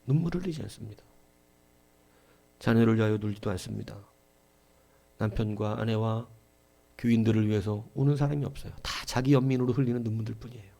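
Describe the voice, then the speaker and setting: A middle-aged male pastor preaching a Sunday sermon with passion, dropping to a hush and rising to shouts, acting out quoted voices. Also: on the low side, fast, creaky, long pauses. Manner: impassioned preaching, swinging from hushed to shouting.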